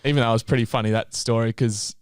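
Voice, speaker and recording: A young man, a guest in an interview, talking in a relaxed, rambling way and laughing often. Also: mid-range voice, quick pace, smooth, no room sound, clean studio sound. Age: young adult. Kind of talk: casual interview chat.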